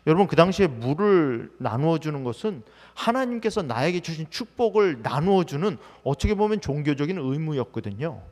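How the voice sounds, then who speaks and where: A man's voice: a little high, big pitch swings, a little fast, hardly any pauses, a little mellow. A male pastor preaching a sermon in a conversational way, asking the congregation many questions. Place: church sanctuary. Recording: long hall reverb.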